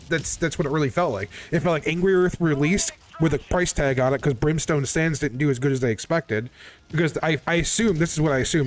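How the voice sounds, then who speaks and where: A man with a slightly high voice rants casually about video games as a player would. He repeats himself to press his complaints and swears freely. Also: a little hiss or hum. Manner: repetitive, insistent complaining. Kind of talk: casual gaming chat, ranting opinions.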